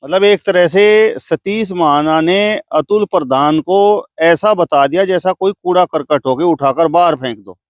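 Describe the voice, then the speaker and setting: A man's voice: fairly high pitch, unhurried, hardly any pauses, no echo, clean studio sound. A male news reporter conducting street interviews, asking pointed, leading questions.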